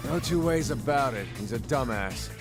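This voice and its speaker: A man's voice: medium pitch, expressive, normal speed, natural voice. A man playing a hot-headed, confrontational young delinquent brawler in an anime fighting game. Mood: scornful. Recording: game music behind.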